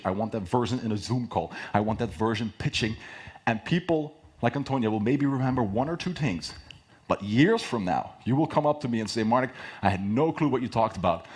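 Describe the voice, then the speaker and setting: A man's voice: mid-range voice, husky. A man giving a live public speaking workshop as a coach, with a projected, emphatic delivery and key phrases repeated for effect. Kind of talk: live workshop presentation with demonstrations.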